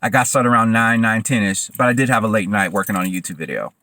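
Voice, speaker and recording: A man with a fairly low voice talks fast and casually to his vlog audience while out for a run, offering encouragement in loose, broken phrases. It's a motivational monologue to camera, recorded outdoors beside a road with no echo but loud street and traffic noise.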